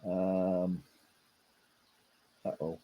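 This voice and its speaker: A man's voice: deep voice, flat delivery, extremely slow, highs cut off. A man hosting a casual livestream, chatting and rambling as he reacts to video clips he plays. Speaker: show host.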